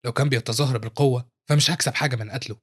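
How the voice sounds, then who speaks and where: A man's voice: mid-range voice, steady tone, rapid-fire, a bit bright, natural voice. A man with an Egyptian accent voicing a cunning male screaming demon who talks in a sneering, boastful way. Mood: mocking. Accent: Egyptian Arabic.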